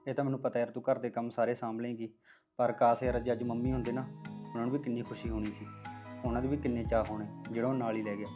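An actor with a Punjabi accent playing a fond young farmer who has just married. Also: male voice, medium pitch, flat delivery, racing, close to an everyday voice. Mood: wistful. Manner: fond, calls her "yaar". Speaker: newlywed husband. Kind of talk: village family drama acting. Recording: background music.

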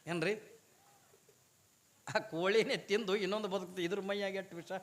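A man's voice: sits high, steady tone, normal speed. A man from Bijapur district with a North Karnataka accent, preaching a sermon and answering his own questions to the crowd. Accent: North Karnataka Kannada. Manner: asks the audience questions and answers them himself. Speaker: religious preacher.

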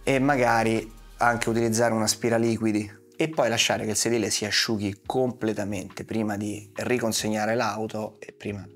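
A man's voice: on the low side, flat delivery, moderate pace, hardly any pauses, fairly bright tone. A man in his thirties gives casual instructional commentary in colloquial speech, talking straight to the viewer with rhetorical questions. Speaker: car detailing presenter. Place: small padded studio, seated at a desk. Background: music.

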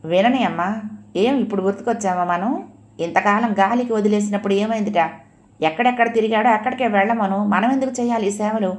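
A woman's voice: mid-range voice, a little fast, darkish tone, close to an everyday voice. A woman reading an audio novel, voicing a bitter, resentful young working daughter who talks bluntly and reproachfully.

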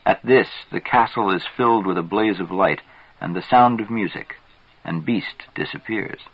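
A man with a low, husky voice reads aloud from a psychology book, taking each sentence in a measured, deliberate way. The recording is dull and lo-fi, with a dry sound and no room echo. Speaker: reader. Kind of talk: scripted narration of a psychology book.

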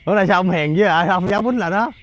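A man doing excited commentary outdoors for a ghost-hunting vlog, stammering and repeating words in bursts. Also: high voice, rapid-fire, lo-fi sound, background noise.

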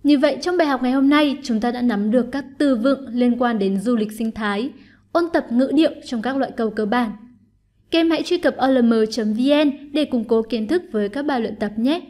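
A woman teacher giving an online lesson, explaining patiently and clearly, step by step, to her students. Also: fairly high pitch, brisk, a little mellow. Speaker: English teacher.

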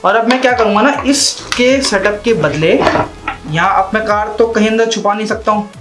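A man's voice: high-pitched, moderate pace, over music. A young man in a casual how-to vlog, chatting and repeating himself as he works with his hands at a desk in a small room. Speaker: vlogger.

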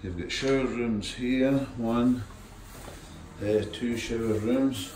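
A man giving an informal, halting walk-through tour of a wooden lodge, speaking into a handheld phone as he walks. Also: medium pitch, fairly even intonation, a little mellow. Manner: unhurried, informal, halting with fillers. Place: wooden lodge rooms and hallways, indoors. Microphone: phone camera held while walking. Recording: echoey rooms with clear handling noise.

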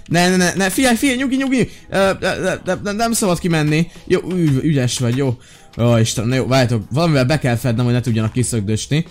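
A man playing a flustered kindergarten teacher in a game while commenting, excitable and prone to frantic, repeated pleading. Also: a little high, soft background music. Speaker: gaming YouTuber. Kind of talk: Minecraft role-play commentary.

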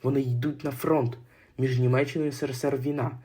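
A man's voice: mid-range voice, level tone, fast, dark tone, breathy edge, natural voice. A man reading aloud and voicing an anxious mother who speaks urgently. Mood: excited. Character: anxious, excited mother of two.

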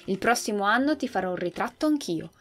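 A woman's voice: medium pitch, animated, a little fast, a bit bright, faint music behind. A woman voicing a timid, sweet young boy in an earnest way while reading a game's story aloud.

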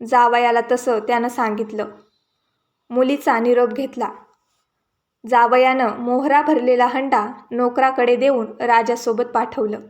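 A woman narrating a devotional folk tale in a steady, measured reading voice. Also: a little high. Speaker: storyteller.

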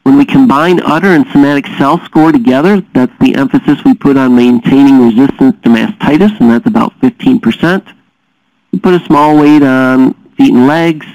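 A man lecturing as a dairy science teacher, explaining steadily and often pausing with "uh" fillers. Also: mid-range voice, a little mellow, dry recording, highs cut off. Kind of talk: recorded lecture.

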